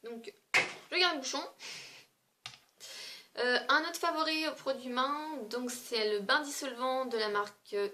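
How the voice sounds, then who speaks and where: A woman's voice: high voice, unhurried, long pauses, sharp tone. A woman beauty vlogger chatting casually through a product review, talking loosely with frequent fillers and small hesitations.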